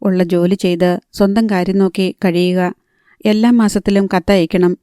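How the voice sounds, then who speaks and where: An aging village father gives his daughter earnest, gentle advice, read by a woman narrator in an audiobook. The voice is mellow and smooth, with a flat, even delivery. The recording is close and dry. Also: fairly low pitch, moderate pace, no room sound, close to an everyday voice.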